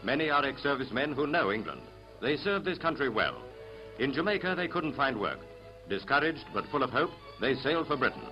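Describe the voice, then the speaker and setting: A man's voice: mid-range voice, big pitch swings, fairly quick. A man narrating an old newsreel in an upbeat announcing tone, heard from a period newsreel soundtrack. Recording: dull lo-fi 1940s newsreel sound with music.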